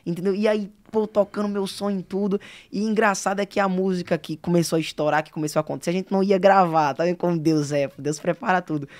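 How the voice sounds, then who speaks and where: A man's voice: high voice, quick pace. Young man telling stories. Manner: animated storyteller, filler-heavy. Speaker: singer, podcast guest. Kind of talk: casual interview chat.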